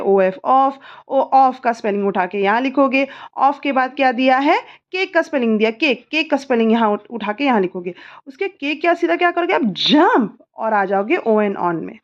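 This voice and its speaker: A mother with an Indian accent tutoring her child through a homework lesson, spelling words letter by letter and repeating answers slowly. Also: high voice, muffled recording.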